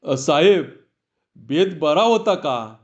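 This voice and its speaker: A man's voice: fairly high pitch, very animated, slow, dull audio. A man voicing a poor, humble village man who pleads in rustic village speech. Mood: pleading.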